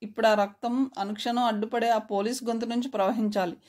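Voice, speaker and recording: A woman's voice: on the high side, steady tone, a little fast, a little mellow, lightly acted. A woman voicing a cruel, menacing middle-aged male crime boss who barks orders and mixes English words into his threats.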